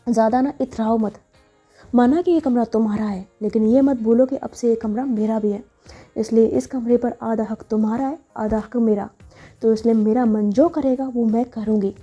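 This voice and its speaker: A woman's voice: fairly high pitch, fairly even intonation, normal speed, warm tone, highs cut off, soft background music, lightly acted. Woman playing a blunt, defiant young woman. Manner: curt and bossy.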